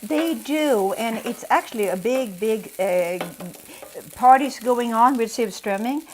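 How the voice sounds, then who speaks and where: Woman, Swedish accent, mother, casual kitchen chat, slightly high pitch, unhurried explaining. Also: a little hiss or hum. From Sweden. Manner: explains customs plainly, fills pauses with "uh". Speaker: Swedish mother cooking with family. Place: home kitchen with food frying.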